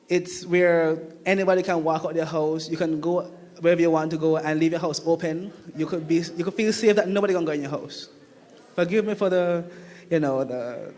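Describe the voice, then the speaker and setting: A young man with a Kittitian accent speaks off the cuff at a public meeting in a reverberant hall. His voice sits a little high, and he talks conversationally, repeating phrases to drive his points home. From Saint Kitts. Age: young adult. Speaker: returning student speaking at a town hall meeting. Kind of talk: impromptu public speech, personal testimony. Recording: reverberant hall with long echo.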